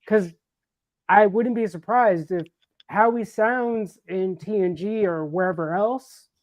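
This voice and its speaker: An American man co-hosts a casual livestream chat in a high-pitched, slow voice, thoughtful and rambling, often restarting his sentences. The stream audio is dull and lo-fi, with no echo.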